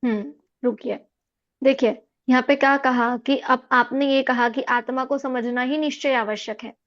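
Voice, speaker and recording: Woman teacher, high voice, patient explanations, asks students to respond, muffled lo-fi audio. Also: fairly even intonation, measured pace, fairly bright tone. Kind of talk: scripture class explanation. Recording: dull lo-fi audio.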